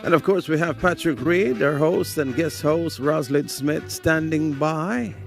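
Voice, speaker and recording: A man's voice: fairly high pitch, unhurried, creaky, music in the background. A man announcing on a radio station and handing over to the show's hosts.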